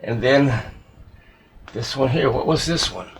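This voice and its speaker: A man with a medium-pitched, lively voice speaks unhurriedly as he repairs things as a hobby, offering rambling commentary while muttering and thinking aloud. The setting is an indoor workshop, and the recording clearly picks up background noise and handling clicks.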